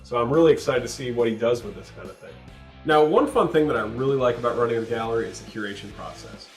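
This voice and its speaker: Casting note: laid-back male gallery owner, mid pitch, heard from a distance in a roomy space with soft guitar music behind. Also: fast. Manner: relaxed, rambling, many fillers. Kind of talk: documentary interview, casual storytelling.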